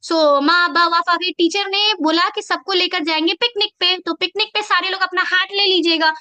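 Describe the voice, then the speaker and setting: Teacher, woman, very high bright voice, checks in often. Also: fairly even intonation, brisk, faint music behind. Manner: chanting syllables in singsong rhymes; explaining with frequent "theek hai" checks. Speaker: Quran teacher. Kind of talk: teacher training workshop lesson.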